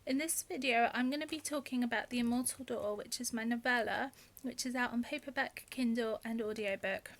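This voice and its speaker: A woman's voice: fairly high pitch, brisk, a bit bright. A woman author hosting her own channel, talking casually with many ums and restarts. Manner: hesitant, many fillers and restarts. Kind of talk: casual vlog talk.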